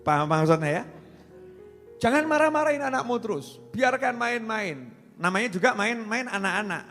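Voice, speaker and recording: A man with a Javanese accent preaching a sermon, lively and joking, slipping into Javanese phrases. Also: sits high. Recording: reverberant hall with faint music.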